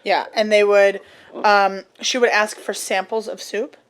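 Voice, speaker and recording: A woman's voice: medium pitch, little pitch movement, unhurried. A woman hosting a podcast, telling stories in casual chat, swearing and laughing along the way. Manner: chatty storytelling with swearing and laughs. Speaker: podcast host.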